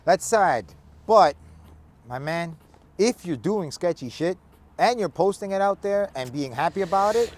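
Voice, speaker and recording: A man co-hosting a casual chat, talking in an animated, emphatic way and swearing freely. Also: high voice, measured pace. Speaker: podcast co-host. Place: outdoors in cold weather.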